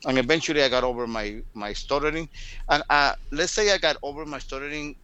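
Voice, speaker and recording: A Guatemalan man in his fifties, appearing as a guest storyteller on a remote call, speaks English with a Spanish accent in casual interview talk, at times repeating words with a mild stutter. His voice is a little high and a little fast, pushed and bright yet clear and resonant, with the highs cut off.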